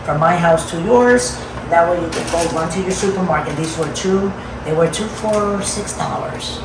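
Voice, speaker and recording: Low-voiced woman hosting in a noisy kitchen. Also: normal speed. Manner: conversational, repeatedly seeking agreement. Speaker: home cooking video host. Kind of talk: casual cooking demo, chatting to viewers. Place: home kitchen. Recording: roomy, noisy kitchen, distant mic.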